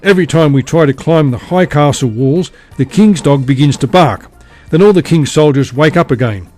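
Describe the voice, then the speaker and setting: Storybook giant, male, huge and threatening, booms his lines; a man reads him. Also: normal speed, soft background music, close to an everyday voice. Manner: loud, booming, threatening.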